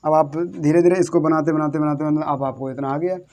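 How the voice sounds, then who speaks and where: Here a male English teacher speaks briskly with a warm, fairly high voice that barely changes pitch. His classroom-style lesson involves repetition, questions to viewers that he answers himself, and spelling words letter by letter.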